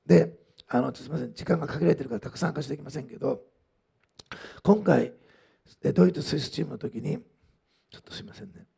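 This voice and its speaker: Man in sermon mode, husky and gravelly, chatty asides, lively pitch. Pastor type. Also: quick pace, long pauses. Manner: conversational, frequent "ね" asides, many fillers. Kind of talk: sermon with testimony.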